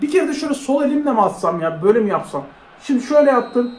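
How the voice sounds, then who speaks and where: High-voiced excitable young gaming man. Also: racing, echoey room. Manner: excitable, shouts at big plays, chats to viewers. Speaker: mobile football gamer. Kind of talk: live gameplay commentary.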